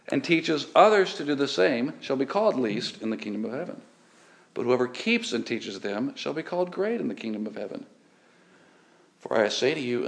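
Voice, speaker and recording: A middle-aged man preaching a sermon, emphatic, swelling on key words and then dropping low. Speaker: pastor.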